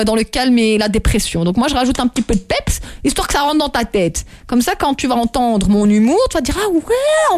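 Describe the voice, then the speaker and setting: A woman's voice: on the high side, dry recording, studio quality. A woman hosting a show and giving casual, joking advice, who often repeats herself and breaks off mid-sentence. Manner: animated, jokey, self-interrupting, repeats herself. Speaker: host. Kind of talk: casual motivational talk.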